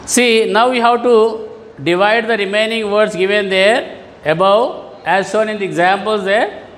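A man's voice: sits high, unhurried, fairly bright tone, long reverb tail. A man teaching an online lesson to schoolchildren, patiently repeating and rephrasing words. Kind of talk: online classroom lesson for children.

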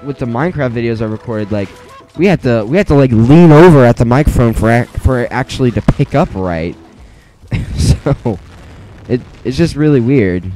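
A man's voice: mid-range voice, mellow, poor audio. A teenage boy rambling through casual gameplay commentary, self-deprecating, with many fillers and restarts, speaking close to a weak microphone. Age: teens. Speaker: let's play commentator. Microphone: weak mic at close range.

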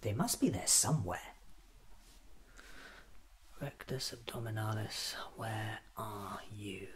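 A man in his thirties playing a quirky time-travelling doctor in a soft-spoken ASMR roleplay, muttering haltingly to himself. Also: fairly low pitch. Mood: muttering, absent-minded. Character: newly regenerated time-travelling alien doctor, musing, quirky, self-examining.

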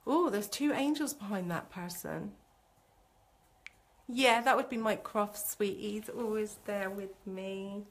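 A woman working as a psychic medium, giving a chatty, excitable spirit reading on a live stream and calling her viewers sweetie. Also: mid-range voice, unhurried.

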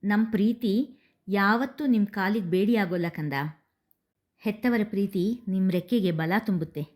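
A woman's voice: mid-range voice, moderate pace, a little mellow, lightly acted. Give me a woman playing a tender father who comforts his grown daughter. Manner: tender, reassuring.

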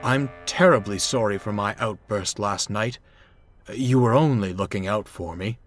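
A man's voice: lowish voice, a little slow, soft background music. Dudley, a man voicing a pompous steam engine. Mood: contrite. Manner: haughty, posh and snappish.

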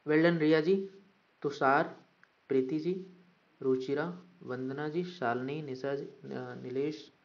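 A man's voice: a little high, slow pace, long pauses, lo-fi sound. A man teaching an online exam-prep lecture, mixing Hindi and English and asking questions of his students. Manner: addresses students as sir, reads names from the live chat; mixes Hindi and English, asks questions of the class.

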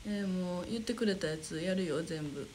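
On her livestream, a young idol host with a Kansai accent reads comments from viewers, giggles often, and talks quietly to herself while she searches for another. Her fairly low, slightly mellow voice keeps a moderate pace. The audio is poor, with a little hiss or hum.

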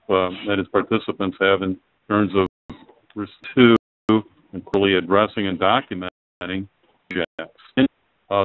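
A man's voice: deep voice, no echo. A man on a webinar panel, explaining at length with many fillers and restarts. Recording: phone-line audio.

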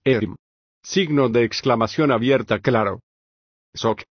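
Man reading an audiobook in a flat voice. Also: mid-range voice, a little slow, breathy edge, dry recording, lo-fi sound. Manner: reads speaker labels, punctuation and note numbers aloud. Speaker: audiobook reader. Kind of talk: audiobook reading of a philosophical dialogue.

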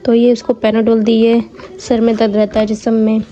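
High-voiced chatty woman vlogging at home. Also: completely flat delivery, moderate pace, warm tone, dull audio, a little hiss or hum. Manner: chatty, explaining things step by step to viewers. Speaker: vlogger and mother. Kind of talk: casual home vlog chat.

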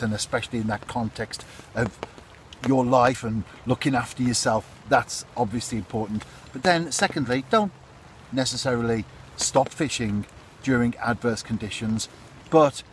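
A man in his fifties gives casual to-camera fishing advice from under an umbrella, chatty and repetitive, often asking "isn't it?". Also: mid-range voice. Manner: chatty, repeats points, asks "isn't it?". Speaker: fishing vlogger. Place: outdoors under a fishing umbrella by a pool in a storm. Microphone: phone or camera close up. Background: storm wind and rain.

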